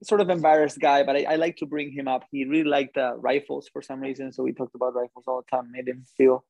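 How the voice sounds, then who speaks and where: A man telling a personal story to a live audience in an animated, conversational way, often checking in with listeners. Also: medium pitch, fast, gravelly, no echo.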